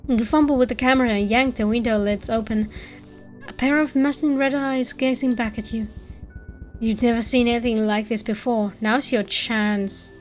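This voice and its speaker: A woman with a fairly high voice narrates a story in the second person. She is dramatic and expressive in her emphasis, and music plays softly behind her. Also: moderate pace.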